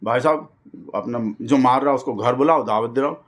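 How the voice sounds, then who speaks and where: A man's voice: mid-range voice, moderate pace. A man delivering a rambling satirical monologue in character as an earnest party devotee, folksy and mock-earnest.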